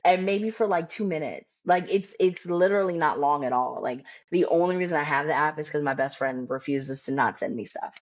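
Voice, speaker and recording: Bold, blunt woman coach, low voice. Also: brisk, few pauses, no echo, highs cut off. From United States. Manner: bold, blunt, animated, laughs often. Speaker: guest, career development coach. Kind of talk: casual podcast conversation.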